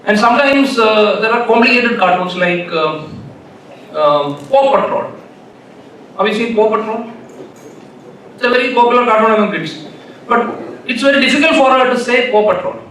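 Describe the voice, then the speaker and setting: Man, Malayalam accent, informal keynote talk, halting, repeats phrases, very reverberant room, distant microphone. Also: high-pitched, lively intonation, pushed and bright. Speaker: keynote speaker. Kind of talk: informal conference talk with anecdotes. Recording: echoey hall, distant mic, faint noise.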